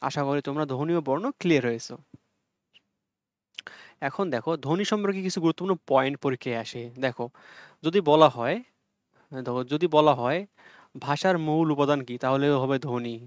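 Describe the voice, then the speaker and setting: A young man teaching an exam-prep lesson at a quick clip, his voice sitting a little high. He explains each point step by step and repeats the key facts to make sure his students follow. The audio is dry and close, with a dull, lo-fi sound. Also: clean tone, no room sound.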